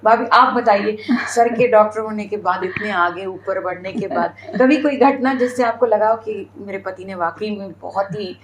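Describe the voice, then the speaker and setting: Woman, interviewer, attentive, affirming, mid pitch, echoey room. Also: normal speed, few pauses, slight background noise. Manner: attentive, constant "ji ji" backchannels. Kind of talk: interview conversation.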